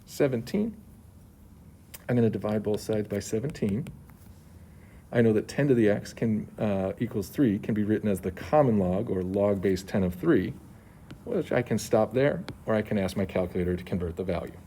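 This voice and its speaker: A man's voice: fairly low pitch, moderate pace, mellow. A male math teacher explaining homework solutions step by step, his voice slightly muffled by a face mask. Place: at a school. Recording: muffled through mask, faint background noise.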